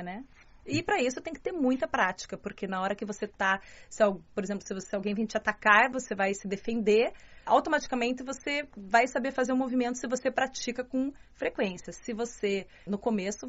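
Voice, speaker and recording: A woman with a Curitiba Brazilian accent, chatting as an interview guest and explaining things with frequent checking tag questions. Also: fairly high pitch. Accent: Curitiba Brazilian Portuguese. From southern Brazil, Curitiba. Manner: explanatory, often seeks agreement with tag questions. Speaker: interview guest, journalist and martial arts student. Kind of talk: relaxed conversational interview. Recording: slightly dull, lo-fi interview recording.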